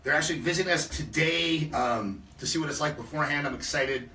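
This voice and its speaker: A man's voice: a little high, a little fast, pushed and bright, roomy sound, far from the mic. A man co-hosting a live radio show in a studio, upbeat and plugging upcoming events. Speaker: radio co-host.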